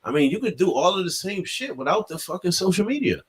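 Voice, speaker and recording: High, animated man telling a story. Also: quick pace, a crowd in the background. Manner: animated, acts out voices in his stories. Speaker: podcast co-host. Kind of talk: casual storytelling banter.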